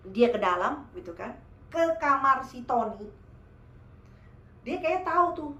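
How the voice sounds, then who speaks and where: A woman casually telling a true horror story, animated and speaking directly to her listeners. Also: sits high, unhurried, roomy sound, highs cut off. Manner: animated, addresses listeners as guys.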